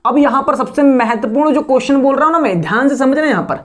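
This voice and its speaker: A man's voice: very high voice, expressive, quick pace. A man gives an online exam-prep lecture. He keeps asking rhetorical questions, answers them himself, repeats key words and scolds his students bluntly. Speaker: exam coaching teacher.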